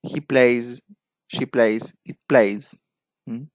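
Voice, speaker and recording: A male teacher with an Argentine Spanish accent walks through English verb forms one at a time in a recorded lecture. He talks slowly and patiently at a middle pitch. The recording is dry and close, with no room echo. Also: fairly even intonation. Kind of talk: recorded lecture over slides.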